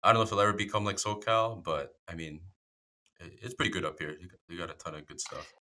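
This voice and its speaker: A man's voice: low voice, fast, pushed and bright. A man from Canada hosting a podcast, chatting casually with lots of filler words. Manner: laid-back, heavy on fillers like "like" and "man". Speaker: podcast host. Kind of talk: casual chat.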